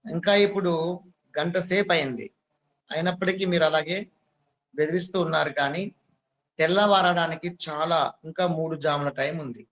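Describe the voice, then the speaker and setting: A man voicing a wise talking parrot that calmly counsels a king, told in a storytelling discourse. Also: fairly high pitch, normal speed, long pauses. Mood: earnest.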